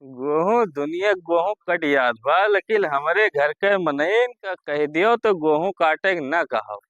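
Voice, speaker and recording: A man's voice: a little high, expressive, measured pace, a bit bright, no room sound, dull audio. A man playing a bossy, threatening town drunk of a village husband in a comedy skit, scolding and repeating himself with an Awadhi accent. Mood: grumbling. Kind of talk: rural comedy skit acting.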